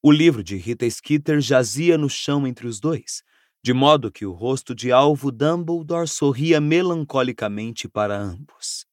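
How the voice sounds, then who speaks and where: Expressive Brazilian male audiobook narrator. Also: medium pitch, unhurried, no room sound, clean studio sound. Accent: Brazilian Portuguese. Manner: expressive, dramatic reading. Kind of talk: scripted narration.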